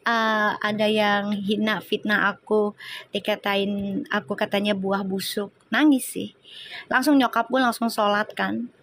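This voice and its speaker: An Indonesian woman with a fairly high voice works as a tarot reader, chatting casually with viewers on a live stream. She teases them, answers their comments, and slips into singing and quick little prayers.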